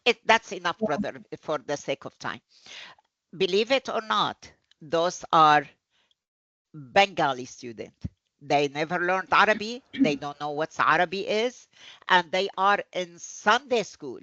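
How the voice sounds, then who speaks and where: A woman's voice: on the low side, unhurried, no echo, highs cut off. Earnest woman teacher on a webinar. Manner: earnest, animated storytelling with hesitations. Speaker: Arabic teacher presenting a webinar. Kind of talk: webinar presentation.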